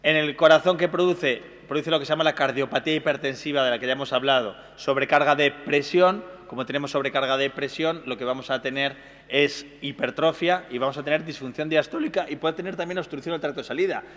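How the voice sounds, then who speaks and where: Man giving a brisk medical lecture. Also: fairly high pitch, fairly bright tone. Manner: brisk, checking in with listeners. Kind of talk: exam-prep medical lecture. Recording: hall reverb.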